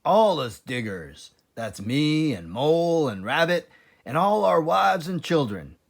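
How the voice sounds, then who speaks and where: A man voicing an anxious, excitable father badger in a storybook, desperate and dramatic in manner. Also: a little high, a little slow, vocal fry, voice pushed up, full character voice. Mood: alarmed. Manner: dramatic, exclamatory, fretful.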